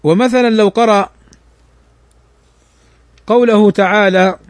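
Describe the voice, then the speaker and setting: A man teaching Quranic recitation rules, reciting verses slowly and melodically, then explaining quickly. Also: high-pitched, steady tone, no echo. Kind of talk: tajweed lesson with slow recitation.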